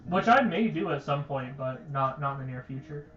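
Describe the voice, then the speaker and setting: A man's voice: mid-range voice, lively intonation, normal speed, fairly bright tone, roomy sound, muffled recording, slight background noise. A young man chatting casually on a game livestream, rambling and stuttering, with lots of "like" fillers. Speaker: game streamer.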